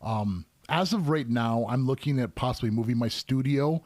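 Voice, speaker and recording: A man's voice: medium pitch, normal speed, darkish tone, no echo. A middle-aged man hosting a live question-and-answer stream as a professional piercer, explaining casually at length with plenty of fillers. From United States.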